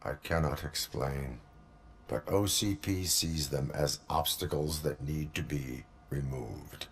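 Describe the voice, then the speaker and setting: Stoic cyborg cop, extremely deep voice, smooth android processing, flat emotionless game delivery. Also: male voice, slow, exaggerated voice. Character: stoic male cyborg police officer. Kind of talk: video game voice acting.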